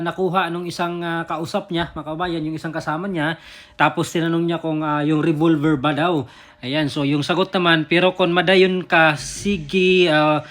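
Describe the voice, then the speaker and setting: A man doing reaction commentary, reading chat messages aloud and explaining them, with many hesitant fillers. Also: on the high side. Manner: hesitant, many fillers, reads quotes louder.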